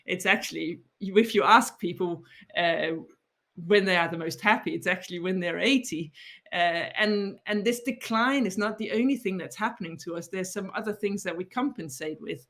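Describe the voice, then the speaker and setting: A Danish woman in her forties, a guest author on a podcast, explains her ideas with a Danish accent in a fairly low, fairly bright voice at normal speed. She's thoughtful and frequently restarts sentences and repeats words.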